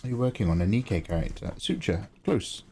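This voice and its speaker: Deep, mellow-voiced man chatting on stream. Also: fairly quick, vocal fry, slight background noise. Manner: rambling, thinking aloud. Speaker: streamer and digital artist. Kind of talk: casual livestream chat.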